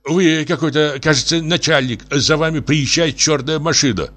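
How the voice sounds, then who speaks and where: A man voicing a drunk, distraught middle-aged professor who pleads in high, drawn-out wails. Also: a bit bright. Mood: earnest.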